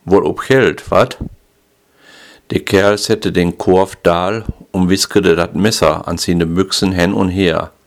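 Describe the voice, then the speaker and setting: A man reading a story aloud in a slow, deliberate manner. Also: sits low, little pitch movement. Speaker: narrator.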